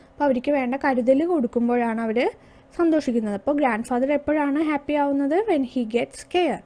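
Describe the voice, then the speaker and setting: A woman's voice: sits high, a little mellow. A woman teacher with a Malayali accent, explaining an English lesson for young pupils, asking questions and answering them herself. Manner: patient, slowing down to read English lines aloud.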